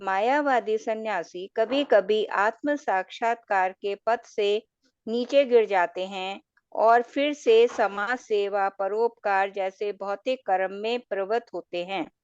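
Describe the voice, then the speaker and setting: Woman reading aloud, slow, smooth clear voice, dull dry sound. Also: medium pitch, darkish tone, no room sound. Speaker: student reading aloud in class.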